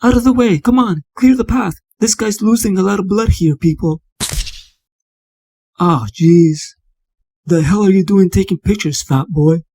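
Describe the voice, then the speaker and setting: Impatient, foul-tempered surgeon, as a man plays him, barking orders and throwing sarcastic insults in a husky voice. The tone is mellow and dark, and the read is dry and close for a motion comic. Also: fairly high pitch, slow, long pauses, no room sound. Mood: brusque. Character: brusque male surgeon, rude and impatient.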